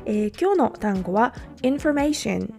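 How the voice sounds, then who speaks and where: A woman from Japan, a language teacher, giving a podcast pronunciation lesson step by step, with many pauses and fillers. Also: a little high, expressive, gravelly, darkish tone, soft background music.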